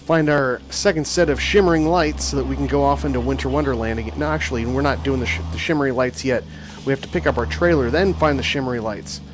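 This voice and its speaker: Rambling man narrating truck gameplay. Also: medium pitch. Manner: rambling, with frequent fillers and restarts. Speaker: gaming channel host. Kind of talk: casual gameplay commentary.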